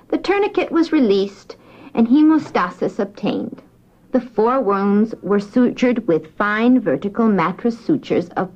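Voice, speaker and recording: A woman giving a formal medical dictation as a surgeon, speaking in a precise, carefully enunciated way. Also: medium pitch. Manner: precise, enunciated, spells out words. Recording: dull lo-fi dictation recording.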